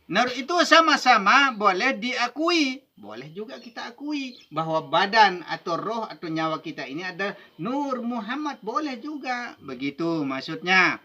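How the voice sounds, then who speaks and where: A man's voice: high-pitched, bright, forceful tone. A man from Indonesia teaching Sufi mysticism in a rhythmic, emphatic way, often ending points with "begitu". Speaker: religious teacher.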